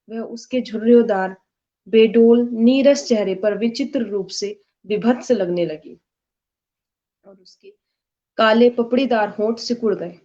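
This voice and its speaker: Slow, mellow woman storyteller. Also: mid-range voice. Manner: measured, literary reading. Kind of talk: scripted narration. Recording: dull lo-fi recording.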